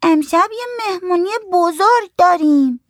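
A narrator voicing a small, curious little girl who asks slow, high, childlike questions in an audiobook story. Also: lively intonation, dry recording, studio quality. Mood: tearful.

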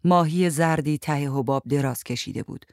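A woman reading a short story aloud in a calm, even narrating voice. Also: low-pitched, no echo, studio quality.

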